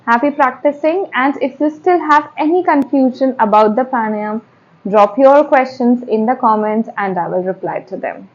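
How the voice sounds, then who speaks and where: A woman's voice: high voice, lively intonation, normal speed, dull audio. A woman with an Indian accent giving spoken yoga instruction step by step, repeating and rephrasing key points as she goes.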